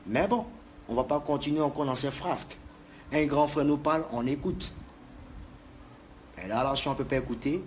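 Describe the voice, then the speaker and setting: A man's voice: medium pitch, a little hiss or hum. A man giving an emphatic, repetitive video message to fans as a musician. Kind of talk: direct-to-camera video message.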